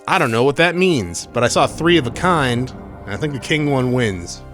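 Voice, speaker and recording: Guy doing casual let's play chatter, rambly, really lively pitch, game music behind him. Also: normal speed. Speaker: let's player and host. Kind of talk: casual gaming commentary.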